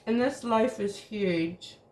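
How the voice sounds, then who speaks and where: A woman's voice: medium pitch, slow pace, darkish tone. A woman chatting casually through a home baking taste test, rambling and talking while she eats.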